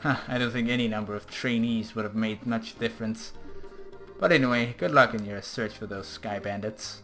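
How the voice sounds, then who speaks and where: A man's voice: on the low side, normal speed, pushed and bright, faint music behind. A man voicing an arrogant, dismissive male swordsman from a video game. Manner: dismissive, curt.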